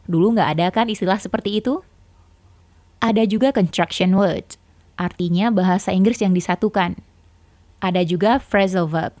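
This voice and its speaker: A woman's voice: medium pitch, normal speed, long pauses, a little mellow, no room sound. A woman teaching an English lesson, explaining patiently step by step with examples.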